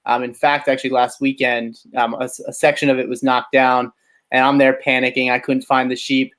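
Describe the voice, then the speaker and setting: A man hosting a casual farm chat, friendly and animated as he talks. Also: medium pitch, brisk.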